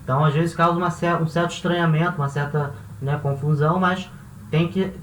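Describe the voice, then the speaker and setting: A man's voice: a little high, steady tone, brisk, slight background noise. A man teaching a grammar lesson, explaining step by step and asking rhetorical questions as he goes. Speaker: Spanish teacher. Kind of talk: classroom-style grammar lesson. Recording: roomy, slightly distant mic.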